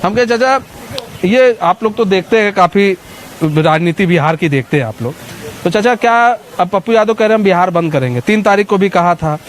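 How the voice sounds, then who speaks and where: A man's voice: high voice, expressive. A man reporting on the street, talking to camera and questioning traders outdoors. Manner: brisk, talks to camera, asks leading questions. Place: outdoors on a cold market street.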